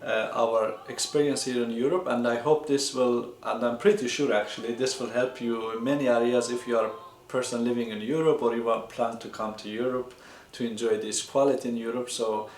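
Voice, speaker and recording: Man, from Iran, co-host, casual chat, playful, animated, average pitch, echoey room. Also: moderate pace, few pauses.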